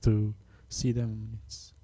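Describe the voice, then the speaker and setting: A Romanian man, speaking with a Romanian accent as his first language, walks through a screen-recorded software tutorial step by step. He halts often and uses many fillers, thinking aloud as he works. His voice is on the low side and monotone, with no echo.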